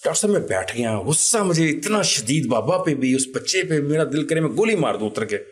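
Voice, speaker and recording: A man's voice: on the high side, very animated. A man, telling a personal story as an interview guest in a vivid, conversational way. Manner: vivid anecdotal retelling, acts out quoted voices.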